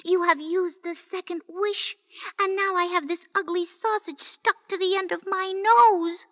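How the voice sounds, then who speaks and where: An upset woodcutter complains in an exasperated, high voice, as a woman reading a children's story puts him on. He speaks slowly. The reading rings with a long reverberant tail. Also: fairly even intonation, sharp tone, exaggerated voice. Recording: reverberant room.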